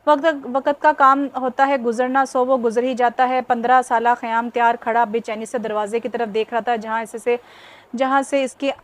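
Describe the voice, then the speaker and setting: A woman narrating a novel aloud in a steady, even reading voice with occasional restarts. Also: a little high, moderate pace. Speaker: audiobook narrator.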